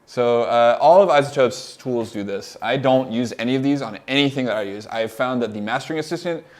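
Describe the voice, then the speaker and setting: A young Californian audio mentor with a mid-range voice speaks fairly quickly while demoing audio software during a casual live stream. He rambles excitedly, laughing and using "like" constantly.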